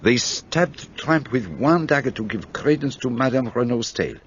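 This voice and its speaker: In this radio play, an older man with a mid-range voice close to his everyday one acts as a fussy, self-assured elderly Belgian detective. He lays out his deductions at a moderate pace with big pitch swings, precise and theatrical, in a French-tinged Belgian accent. The recording is dull and lo-fi with faint hiss.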